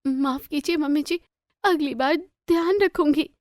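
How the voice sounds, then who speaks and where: A woman voicing a meek, polite young daughter-in-law in a cartoon story, speaking gently. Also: sits high, unhurried, no echo, studio quality, voice pushed up. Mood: pleading. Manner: gentle, pleading. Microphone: dry close voice-over.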